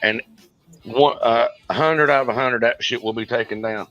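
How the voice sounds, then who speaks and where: A man with a drawl talks in a blunt, rambling way, often starting over mid-sentence. His pitch sits in an ordinary middle range, and faint music plays behind him. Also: fairly even intonation, normal speed, a bit bright, muffled recording. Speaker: podcast co-host. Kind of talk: casual chat.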